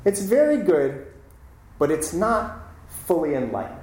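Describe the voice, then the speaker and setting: A man voicing an old male Buddhist abbot who speaks in a measured, gently authoritative way, with a raised pitch and a lively lilt. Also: echoey room. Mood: approving.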